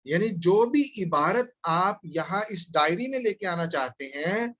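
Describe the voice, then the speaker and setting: A man teaching a software tutorial over a screen recording, explaining each step patiently and often checking that listeners follow. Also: high voice, lively intonation. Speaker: instructor.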